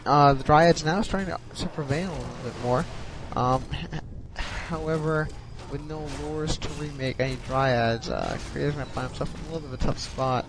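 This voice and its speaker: Against background noise, a man with a fairly high-pitched voice speaks at normal speed while casually narrating a strategy game replay. He's sleepy and yawns, stumbling through many ums and restarts.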